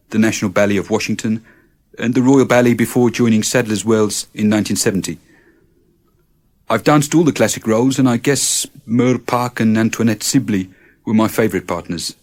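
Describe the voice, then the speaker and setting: A man's voice: fairly low pitch, lightly acted. A man playing a retired principal dancer. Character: retired male principal dancer, now an administrator. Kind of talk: scripted exam monologue.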